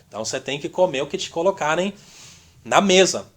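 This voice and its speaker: A man's voice: a little high, expressive, a little fast, fairly bright tone. A man gives an informal church teaching, full of "né?" tags and little acted-out dialogues. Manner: conversational, constantly adds "né?" tags; acts out little quoted dialogues. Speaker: discipleship teacher.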